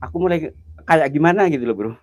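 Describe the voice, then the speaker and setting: A nervous man with a lilt hosts a live ghost-hunting stream outdoors at night, greeting viewers and muttering prayers. His voice sits a little high for a man. The sound is dry and close, as if from a phone held near his mouth. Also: expressive, fast, a little mellow, no room sound, dull audio. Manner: jumpy, chatty, greets viewers by name, nervous exclamations. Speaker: livestream host.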